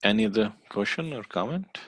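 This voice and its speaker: A man's voice: fairly low pitch, lively intonation, brisk, a bit bright, slightly rough, dry recording. A man teaching a scripture class, explaining patiently with some hesitant fillers. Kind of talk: scripture study lecture.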